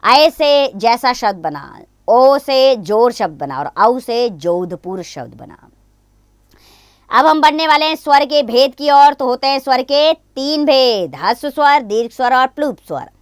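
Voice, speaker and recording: A woman teaching children a grammar lesson, explaining patiently and slowly, one example at a time. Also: high voice, expressive, clean tone, dry recording, clean studio sound.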